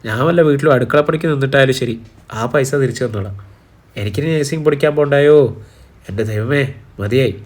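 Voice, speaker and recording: A man voicing an impulsive young woman, a nursing student, who pleads and complains quickly in an audiobook. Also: medium pitch, lightly acted. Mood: complaining.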